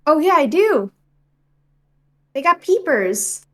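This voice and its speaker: A woman's voice: high-pitched, big pitch swings, slow pace. A woman co-hosting a game stream, chatty and playful, asking questions as she plays. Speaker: streamer co-host. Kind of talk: casual gameplay chat.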